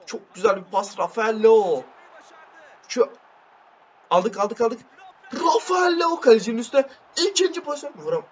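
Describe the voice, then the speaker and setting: A young man giving excited live commentary on his own football video game, shouting at plays and bantering slangily with his viewers. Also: sits high, highs cut off. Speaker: gaming video creator.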